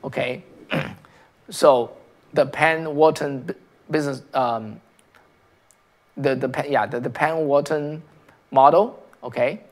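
A Chinese man with a Chinese accent hosts a political commentary stream, reading viewer comments aloud. His medium-pitched voice comes in halting bursts, full of restarts and rhetorical questions.

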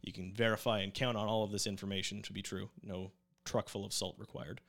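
A man's voice: fairly low pitch, little pitch movement, fairly quick, creaky, a bit bright. A young man co-hosting a podcast, chatting casually and rambling with jokes, fillers and restarts. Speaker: podcast co-host.

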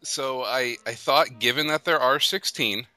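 A man's voice: mid-range voice, measured pace, bright, forceful tone, no room sound. A man hosting a podcast, chatting casually as he leads a ranking game. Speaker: podcast host.

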